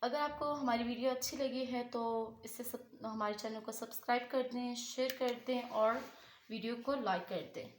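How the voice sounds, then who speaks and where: A woman's voice: a little high, moderate pace, slight background noise. Woman teacher in an echoey room. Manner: repeats her own questions and answers them. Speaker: Quran recitation teacher. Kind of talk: explanatory tajweed lesson.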